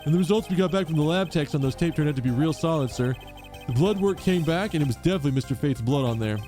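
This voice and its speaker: A man plays an eager video-game police detective, a deferential underling with a taste for gossip. His voice is fairly high for a man and lively, over faint music. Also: fast talker, lightly acted. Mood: eager reporting.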